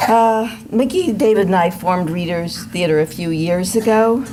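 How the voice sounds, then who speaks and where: Her voice sitting on the lower side, a female worship associate delivers formal, measured announcements and a welcome to the congregation. The church service was captured live in a noisy room.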